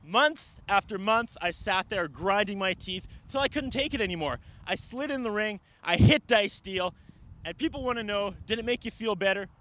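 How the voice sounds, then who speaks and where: Male wrestler for promo: high, forceful voice, indignant, emphatic phrasing. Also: animated, normal speed. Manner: emphatic, indignant, rhetorical questions.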